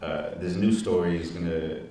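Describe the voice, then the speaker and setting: Young male panelist, very low flat voice, earnest, distant echoey hall sound. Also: moderate pace. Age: 20s. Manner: earnest, reflective, repeats words while thinking. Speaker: panelist, teaching artist. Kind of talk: panel discussion. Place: large auditorium stage. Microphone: handheld mic.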